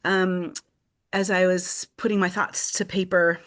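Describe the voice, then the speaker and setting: A woman and article contributor in a panel discussion over a video call, explaining her work thoughtfully with pauses and restarts. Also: on the low side, flat delivery, a bit bright.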